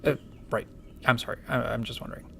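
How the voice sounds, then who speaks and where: A man's voice: mid-range voice, fairly even intonation, fast talker, creaky, sharp tone, slight background noise. A man playing a nervous, deferential young apprentice investigator in an audio drama, hesitant and apologetic. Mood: hesitant, reporting.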